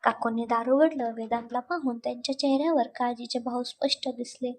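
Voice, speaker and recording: Expressive woman narrating a love story. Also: fairly high pitch, a little fast, slight background noise.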